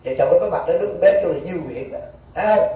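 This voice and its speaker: A Buddhist monk giving an animated storytelling sermon, full of rhetorical questions. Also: male voice, on the high side, fast. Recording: echoey hall, distant dull mic.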